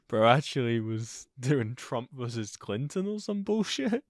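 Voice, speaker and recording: A man's voice: medium pitch, big pitch swings, unhurried, no echo, clean studio sound. A man with a broad Scottish accent in casual chat, reacting with incredulous, sweary, slangy questions.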